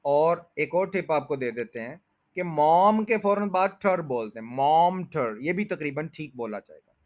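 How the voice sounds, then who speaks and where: A man's voice: a little high, lively intonation, moderate pace. A man teaching English pronunciation, patiently repeating each word and stretching its syllables. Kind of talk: pronunciation lesson explained in Urdu/Hindi.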